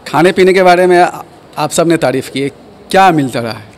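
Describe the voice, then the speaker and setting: A man's voice: fairly high pitch, expressive, a little hiss or hum. Male reporter with a handheld mic. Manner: measured, hesitant fillers. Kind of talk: news interview. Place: indoor corridor.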